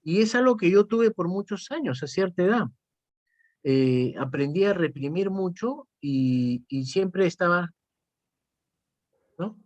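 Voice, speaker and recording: A man, a therapist, talks over a point in a casual, reflective way and keeps checking in with "¿no?". His voice sits a little high. The sound is dry and close. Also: animated, slow, pauses often, no room sound, dull audio. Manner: reflective, tags sentences with "¿no?". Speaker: psychotherapist. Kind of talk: casual conversation.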